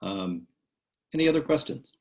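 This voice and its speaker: A man moderating a live online Q&A, reading out audience questions with relaxed fillers. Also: mid-range voice, normal speed, gravelly, lo-fi sound. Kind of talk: hosting a live Q&A. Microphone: video call.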